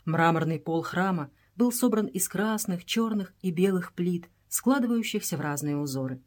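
A woman narrating an adventure novel as an audiobook in a steady, measured reading voice. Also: fairly low pitch. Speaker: audiobook reader.

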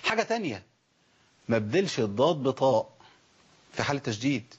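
A man with an Egyptian Arabic accent teaching Quran pronunciation in a lively lesson, stretching out example words slowly as he demonstrates them. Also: medium pitch, husky, muffled recording.

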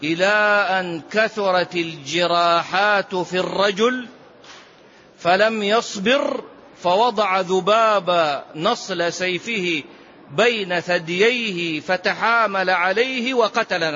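Brief: male sheikh, high bright voice, explanatory lesson delivery on a dull lo-fi recording. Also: slight background noise. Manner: explanatory, asks rhetorical "ha?" of listeners. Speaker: sheikh teaching a hadith book. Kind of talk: classical religious lesson.

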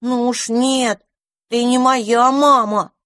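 A woman's voice: fairly even intonation, slow, no room sound, studio quality. A woman voicing little mouse children, frightened and stubborn, crying out shrilly. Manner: shrill, shouting together.

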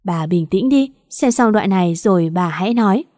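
A woman reading the lines of an elderly father-in-law, measured and authoritative, in a storybook narration. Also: mid-range voice, lively intonation, darkish tone, no room sound, lightly acted. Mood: firm. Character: stern elderly father-in-law, calm and firm.

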